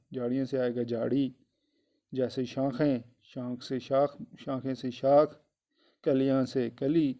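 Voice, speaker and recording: Male teacher, mellow low voice, slow and repetitive, keeps asking the kids questions. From Kashmir. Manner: slow and repetitive, addressing the children directly. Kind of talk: classroom lesson explaining a poem.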